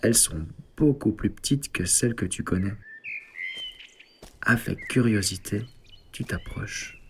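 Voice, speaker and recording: A man leading a guided sleep meditation and bedtime story, speaking softly and calmly. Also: mid-range voice, background noise. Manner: slow, soft, calm guiding delivery. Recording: soft ambient synth music underneath.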